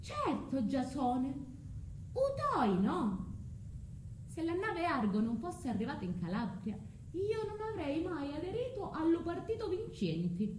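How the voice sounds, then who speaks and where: A woman's voice: high-pitched, wildly swooping pitch, unhurried, darkish tone, slight background noise, full character voice. An actress playing Medea, a scorned foreign sorceress and mother, cunning and vengeful, in a declamatory tragic stage monologue that mixes in dialect and Spanish. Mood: feigned meekness. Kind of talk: solo stage monologue of classical tragedy. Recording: roomy stage sound with music.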